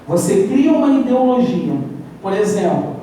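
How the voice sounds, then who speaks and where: A male preacher with a Brazilian accent tells his sermon as lively personal stories, acting out his own doubts. His voice sits high and mellow. It carries through a heavily echoing hall, picked up from a distance over faint background noise. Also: moderate pace. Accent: Brazilian Portuguese. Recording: echoey hall, mic far off.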